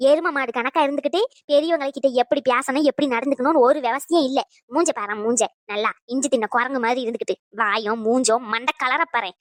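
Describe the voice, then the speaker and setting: A woman voicing a sharp-tongued old grandmother in a cartoon, scolding and hurling insults. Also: sits high, quick pace, few pauses, dry recording, studio quality, natural voice. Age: over 60. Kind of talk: cartoon voice acting.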